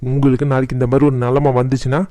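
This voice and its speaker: A man acts out a fed-up young son in a Tamil cartoon drama. His medium-pitched voice is dryly recorded. He talks back with sarcasm and complaint. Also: flat delivery, racing, dark tone, dry recording, natural voice. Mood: defiant, annoyed. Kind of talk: colloquial family cartoon drama dialogue.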